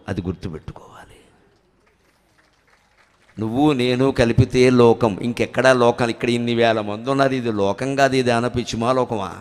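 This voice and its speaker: A man giving a live religious discourse to an audience, telling a story with much drama, acting out the characters and chanting verses slowly. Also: mid-range voice, smooth. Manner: dramatic storyteller, acts out quoted characters, swings between loud and soft. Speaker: spiritual discourse speaker. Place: large public hall with an audience. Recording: long reverb of a large hall.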